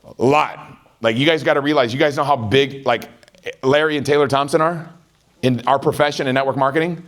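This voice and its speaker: A middle-aged man giving a motivational sales training talk as a network marketing trainer, an energetic storyteller who keeps checking in with his audience. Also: mid-range voice, fairly quick.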